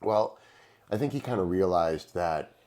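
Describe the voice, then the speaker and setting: A man's voice: low-pitched, unhurried, darkish tone. A man in his fifties who runs a gym, co-hosting a casual podcast and telling stories in a reassuring way. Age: 50s. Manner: reassuring, storytelling. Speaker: gym owner and co-host.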